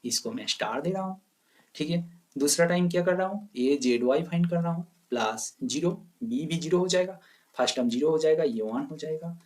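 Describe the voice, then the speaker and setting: A man's voice: a little high, animated, brisk. A man teaching a maths lecture, asking questions and answering them himself, mixing in English terms. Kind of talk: lecture to exam students.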